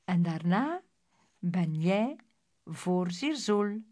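A woman's voice: on the low side, lively intonation, very slow, dark tone, full character voice. A woman reading aloud, voicing a cruel male doctor who speaks in a mockingly soothing, menacing way.

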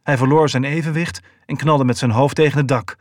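A man reading a novel aloud in a steady, even storytelling voice. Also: medium pitch, fairly quick, no room sound, studio quality. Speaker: audiobook narrator. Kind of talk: scripted narration.

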